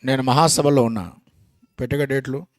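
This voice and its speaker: A man preaching a sermon, swinging between loud exclamations and hushed asides and asking the congregation rhetorical questions. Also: mid-range voice, fairly even intonation, normal speed, no echo, studio quality.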